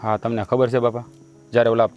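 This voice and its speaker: A man playing a young farmer son from a village, speaking. He talks fast and outspoken, gripes bluntly and never holds back, and soft music plays behind him. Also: mid-range voice, little pitch movement, lo-fi sound, close to an everyday voice. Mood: complaining. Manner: brisk, complaining, outspoken. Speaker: son in family drama. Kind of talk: Gujarati village drama dialogue.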